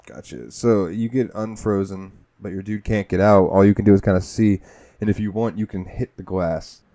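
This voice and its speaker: A man's voice: lowish voice, normal speed, dark tone, dry recording. A man hosting a gaming podcast, telling the story of a game in a rambling, profane way. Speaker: podcast host. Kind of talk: casual gaming podcast chat.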